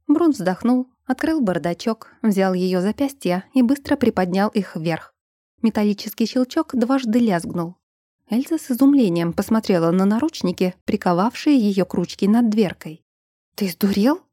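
A woman narrating a novel in a measured, even audiobook reading. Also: medium pitch, dry recording, studio quality.

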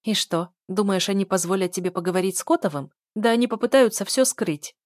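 A woman's voice: medium pitch, fairly quick, a little mellow, no room sound, clean studio sound, close to an everyday voice. A woman voicing a brash, cynical young woman who schemes for a better life, in a storybook reading. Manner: cynical, pushy.

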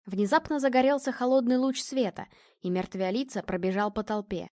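A woman narrating an audiobook in an expressive storytelling manner. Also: fairly high pitch, a little fast, no echo, studio quality. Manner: expressive storytelling, voicing characters.

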